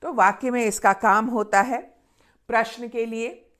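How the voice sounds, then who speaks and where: Female grammar teacher, steady lesson delivery, slow stressed examples, frequent check-ins with learners. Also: fairly high pitch. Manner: reads example sentences slowly and with stress; often checks in with "ठीक है ना?". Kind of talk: classroom-style grammar lesson.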